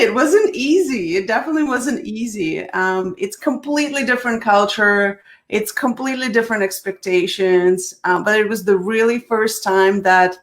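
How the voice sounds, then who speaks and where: A woman's voice: medium pitch, a bit bright. Upbeat woman. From Russia. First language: Russian. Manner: upbeat, laughs often, storytelling. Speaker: interview guest. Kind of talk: casual video interview.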